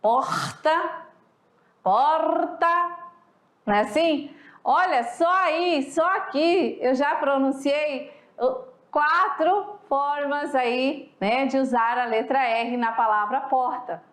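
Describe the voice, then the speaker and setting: High-voiced Brazilian woman teaching a class. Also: slow. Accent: Brazilian Portuguese. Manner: chatty, keeps checking in with the class. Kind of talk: recorded online class lecture. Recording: echoey room.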